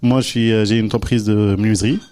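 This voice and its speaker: Un homme invité qui répond brièvement aux questions des animateurs. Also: male voice, fairly low pitch, fairly even intonation, fast, darkish tone, clear, resonant tone. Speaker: guest. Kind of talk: casual chat.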